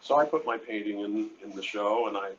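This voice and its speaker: Interviewed casually at a hotel event space, an older artist, 60s or beyond, spins halting, meandering stories and frequently quotes what people said. His voice is deep, and the lo-fi live stream is muffled amid room noise.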